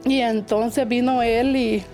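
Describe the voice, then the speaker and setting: Woman, church testimony, emotional and halting, mellow higher voice, faint music behind. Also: steady tone. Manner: emotional, halting, repeats words. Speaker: church speaker giving testimony. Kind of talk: personal testimony.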